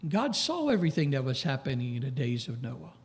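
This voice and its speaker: A man preaching a sermon in a church, slow and emphatic, lifting his voice on questions and dropping low for asides. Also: big pitch swings. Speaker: pastor.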